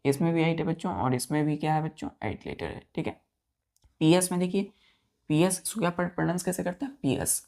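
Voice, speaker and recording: A woman with a low, mellow voice touched by vocal fry talks a little quickly as she teaches vocabulary. She spells each word letter by letter, counts the letters out loud, and repeatedly poses questions to her students.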